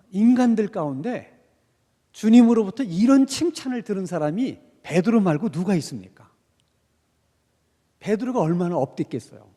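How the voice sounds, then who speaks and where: A man preaching a sermon as pastor in a church, animated and acting out quoted speech from the story. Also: sits high. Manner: animated, acts out quoted speech of disciples and Jesus. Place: church sanctuary. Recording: long hall reverb of a church. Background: reverberant church hall.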